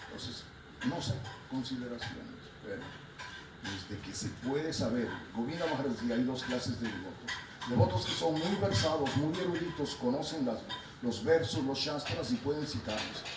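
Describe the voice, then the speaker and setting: A man from Peru with a Peruvian Spanish accent, giving a spiritual talk and telling stories about his teachers. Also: moderate pace. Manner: storytelling, quoting his teachers, animated rises in pitch. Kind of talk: sermon. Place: talk in a room in Lima. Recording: roomy, distant mic, noisy background.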